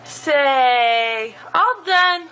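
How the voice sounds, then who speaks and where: A young woman, a mother at home, coaxing her toddlers to say words, in slow sing-song baby talk with animal noises. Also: high-pitched, animated, noisy background.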